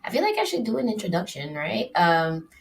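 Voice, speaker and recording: A woman's voice: medium pitch, huge pitch swings, brisk, gravelly, recorded from a distance, poor audio. A middle-aged woman hosting her solo podcast in an upbeat, chatty way, with plenty of ums and uhs. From Dominican Republic. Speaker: podcast host. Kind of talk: casual solo podcast monologue.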